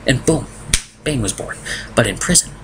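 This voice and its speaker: A man's voice: mid-range voice, lively intonation, moderate pace. A young man casually reviewing a film from a room at home, exasperated and ranting. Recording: noticeable background noise.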